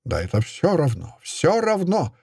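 A man putting on a shrill, triumphant Soviet woman official. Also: big pitch swings, normal speed, husky, no echo, clean studio sound. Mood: triumphant shouting. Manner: shouting, triumphant, sing-song accusing.

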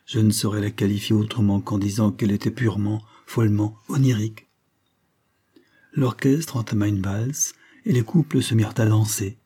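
A man narrating literary fiction in a measured, expressive first-person audiobook reading. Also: on the low side, husky.

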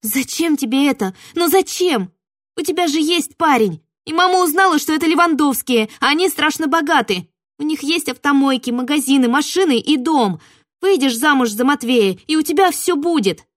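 Naive young sister voice, high and heated, storybook style, woman putting it on. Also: expressive, moderate pace, no echo, studio quality. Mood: pleading. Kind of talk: audiobook character voice.

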